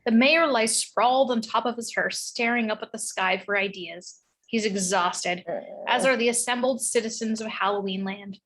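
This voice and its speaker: A woman's voice: on the high side, normal speed, fairly bright tone, poor audio. A woman narrating the stage directions of a script in a read-through.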